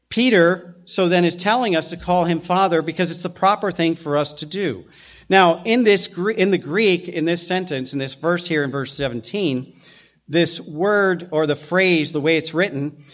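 A man in middle age delivers a sermon with a noticeably high pitch for a man. He explains his text earnestly and patiently, often stopping to restart a phrase before pressing on. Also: fairly bright tone. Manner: earnest expository preaching with frequent restarts. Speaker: pastor.

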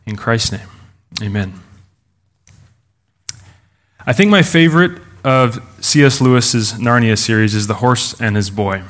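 A man's voice: mid-range voice, fairly bright tone. A male pastor giving a sermon, leading a prayer and explaining scripture in an earnest, teaching manner. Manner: earnest, explanatory, often slowing for emphasis.

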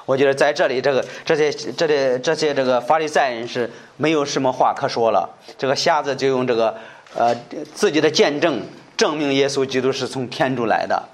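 A man's voice: medium pitch, brisk. A male preacher expounding a Bible passage, repeating himself with many fillers and frequent rhetorical questions.

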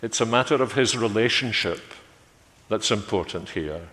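A man preaching a sermon in a measured way, letting his phrases fall away quietly at their ends. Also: fairly low pitch. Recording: long hall reverb.

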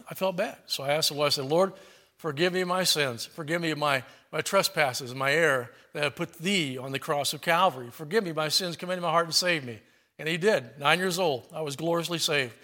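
A man's voice: on the high side, pushed and bright. A middle-aged man preaching a sermon, telling a personal story in a folksy way and reading scripture aloud.

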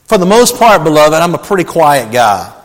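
Pastor guy preaching, kinda high voice, big hall echo, earnest storytelling. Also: big pitch swings, normal speed. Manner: earnest storytelling, addresses listeners as beloved. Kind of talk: sermon.

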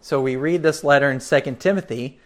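A pastor gives a catechism teaching talk in a medium-pitched voice, taking his time. He uses frequent fillers and makes asides to his listeners.

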